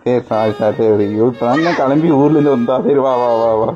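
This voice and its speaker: A man's voice: mid-range voice, brisk, lo-fi sound, a loud crowd. Man coaxing and teasing a friend. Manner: teasing, then apologetic and coaxing. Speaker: prank vlogger. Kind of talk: casual prank chat.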